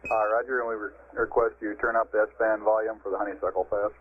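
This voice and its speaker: A man's voice: fairly low pitch, little pitch movement, quick pace. An American man working as a capsule communicator, making procedural radio calls over a pilot headset. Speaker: mission control capsule communicator. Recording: tinny, noisy 1960s radio link.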